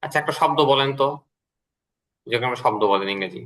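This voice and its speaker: A male English teacher works through a lesson with a bright, clear voice and a middle pitch. He is patient and explains step by step, repeating each key word slowly. It sounds like an online class with his screen shared.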